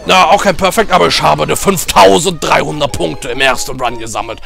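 Fast-talking high-voiced young man. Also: creaky, a bit bright, soft background music. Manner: fast, jokey, rambling. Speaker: let's play commentator. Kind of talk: casual gaming commentary.

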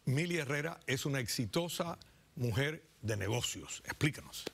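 A man hosts a TV interview from the studio. He speaks on a lapel mic at a mid pitch and leads the guest with short prompting questions. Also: lively intonation, normal speed, gravelly, fairly bright tone, a little hiss or hum. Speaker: TV host.

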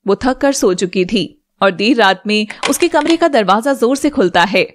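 A woman narrating a scripted animated drama in an even storytelling voice. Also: mid-range voice, moderate pace, slight background noise.

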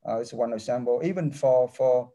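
Speaking from an office with a large window over a laptop webcam mic, a male engineering professor talks in hesitant non-native English, restarting often. His voice is mellow and sits at a medium pitch on this video call.

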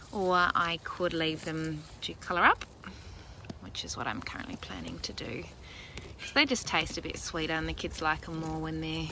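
With a fairly low voice, an Australian gardening vlogger in her thirties chats casually as she walks her backyard vegetable patch, filming on a handheld phone. Fillers and small laughs run through her talk, and there's background noise.

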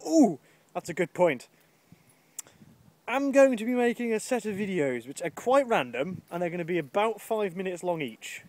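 A man's voice: sits high, big pitch swings, moderate pace, darkish tone. A man rambling casually in an outdoor vlog, chatty and self-deprecating, swearing now and then. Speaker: vlogger. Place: outdoors with wind.

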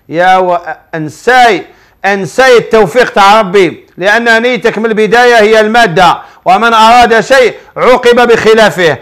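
A man with an Algerian Arabic accent and a notably high voice gives religious advice on television. He works through viewers' questions as a sheikh. His delivery is preachy and full of rhetorical questions. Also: fairly bright tone.

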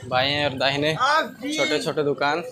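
Very animated though a little slow, a young man with a high-ish voice narrates a travel vlog on his handheld phone through rural lanes and a bustling street market. The outdoor recording carries street noise as he guides viewers around, chatting to them like friends.

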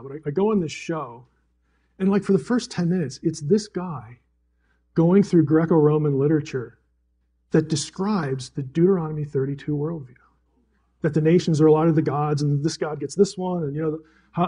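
Speaking live at a fellowship gathering, a man teaches the Bible, telling stories animatedly with frequent restarts and chuckles. His voice has a fairly high pitch, a warm tone, and a breathy edge.

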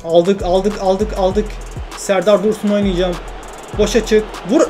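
High-voiced young man, excitable game commentary. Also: a little slow, over music. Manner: shouts at teammates, frustrated and joking. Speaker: gaming YouTuber.

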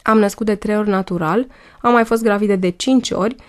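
Woman reading a calm, blunt veteran mother. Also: medium pitch, close to an everyday voice. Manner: calm, grumbling.

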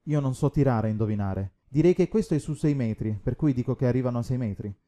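A man reading the part of a gruff, blunt shark hunter who swears often, in an audiobook. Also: mid-range voice, animated, quick pace, mellow, natural voice.

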